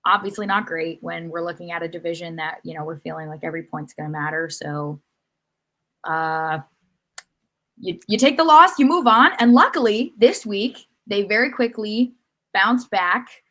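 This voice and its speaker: A woman with a lowish, fairly bright voice speaks at a normal pace and sounds animated. She's co-hosting a sports podcast, recapping matches in casual, lightly joking chat.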